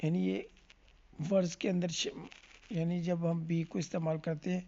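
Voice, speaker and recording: This English phonics teacher's voice is medium-pitched, level, creaky, and mellow, and the recording is muffled. The classroom lesson covers letter sounds. The teacher asks and answers questions and regularly checks in with the listener.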